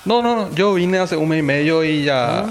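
A man's voice: fairly high pitch, lively intonation, moderate pace, vocal fry. A man from Paraguay with a Paraguayan accent, a guest giving short, easygoing answers in a casual interview. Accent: Paraguayan Spanish. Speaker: visiting guest.

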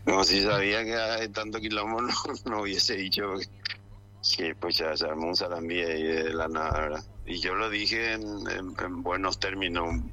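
A man, a football coach from Paraguay, calling in and speaking in a halting, measured way that repeats words. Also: sits low, fairly even intonation, pushed and bright. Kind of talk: phone-in interview.

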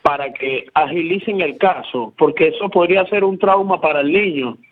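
Over a tinny phone line aired on radio, a man with a Caracas, Venezuela accent pleads during an interview, repeating words and often saying "brother." His voice is on the high side at normal speed.

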